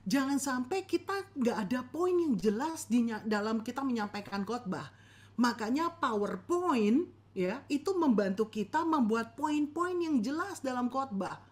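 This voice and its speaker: A woman gives a church lesson on how to preach. Her delivery is lively and animated, rising and falling often. She keeps turning to the audience and asking them to answer back. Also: fairly high pitch, unhurried. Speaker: preaching teacher.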